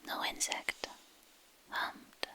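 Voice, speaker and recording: A woman reads a literary fantasy story as ASMR in a breathy, intimate whisper, hushed and pausing between short phrases, close to a binaural microphone. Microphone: close binaural microphone, ear to ear.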